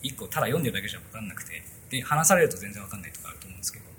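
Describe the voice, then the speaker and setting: A man's voice: on the low side, big pitch swings, rapid-fire, sharp tone, a little hiss or hum. A man hosting a casual tech podcast, chatting loosely through a sponsor spot with many fillers. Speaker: podcast host.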